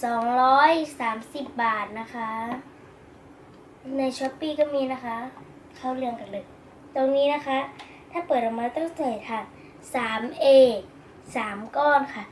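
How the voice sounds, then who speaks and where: High-voiced young-sounding female reviewer, noisy recording. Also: measured pace. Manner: polite presenting to viewers. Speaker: toy reviewer. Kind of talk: casual product review.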